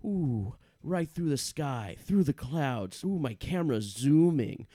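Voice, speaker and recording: A man's voice: fairly high pitch, expressive, takes it slowly, mellow, dry recording, studio quality. A man playing a grandiose, gushing travel narrator, theatrical and drawn out, in improvised comedy. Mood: grand, gushing. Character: grandiose male travel narrator, gushing over small cities.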